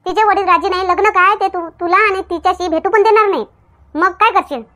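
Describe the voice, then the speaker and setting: A woman's voice: extremely high pitch, quick pace, sharp tone. A woman playing a worried village aunt who lectures her nephew and keeps coaxing "okay?", speaking with a Varhadi Marathi accent in a comedy sketch. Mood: lecturing.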